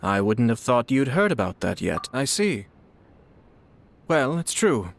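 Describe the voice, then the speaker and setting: An actor playing a composed young nobleman in a video game, speaking formally, politely and with measured eloquence. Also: medium pitch, big pitch swings, vocal fry, slight background noise. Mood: calm, courteous. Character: refined, composed young nobleman, head of a clan.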